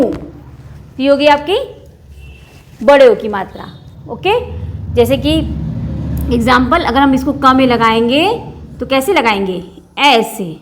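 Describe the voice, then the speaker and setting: A woman teacher giving a Hindi alphabet lesson, patiently drawing out each sound and answering her own questions. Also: high-pitched. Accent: Indian Hindi speaker. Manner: asks the class questions and answers them herself.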